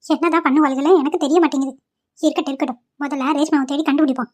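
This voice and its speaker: A domineering cartoon mother-in-law, voiced by a woman, cold and harsh, firing off quick scolding lines. The voice sits high and moves fast. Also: fairly even intonation, lightly acted. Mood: scornful. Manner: sharp, scolding.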